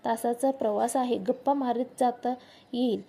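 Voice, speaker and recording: A woman's voice: on the high side, fairly even intonation, moderate pace, gravelly, dark tone. A woman voicing a friendly, curious young man driving home in the rain.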